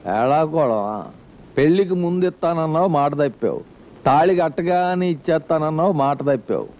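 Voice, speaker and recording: A man as a grasping old father-in-law, gruff and demanding, slightly higher voice, dull film sound. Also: expressive, normal speed, darkish tone, natural voice. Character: stubborn, money-grabbing old father-in-law. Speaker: bride's father. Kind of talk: film comedy acting.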